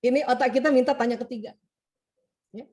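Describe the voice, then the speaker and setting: High-voiced woman giving a lively talk. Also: fairly quick. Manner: animated, acts out quoted dialogue, laughs often; frequent "ya" tag at phrase ends. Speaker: doctor giving a talk on emotions and family.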